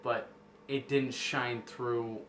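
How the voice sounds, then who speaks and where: Man, flat even intonation, casual review co-host, echoey room, faint noise. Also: medium pitch, takes it slowly. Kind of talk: casual movie review chat. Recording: roomy echo, faint background noise.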